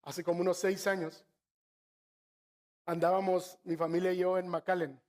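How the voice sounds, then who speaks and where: Middle-aged Mexican pastor, raised pitch, storytelling sermon with asides to the congregation. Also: male voice, little pitch movement. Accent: northern Mexican. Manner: slows and softens to stress key phrases.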